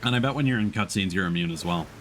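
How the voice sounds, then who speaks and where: Speaking very fast in a low voice, this streamer chuckles through informal, slang-heavy commentary on his gameplay. He's on a close mic, and there's slight hiss or hum.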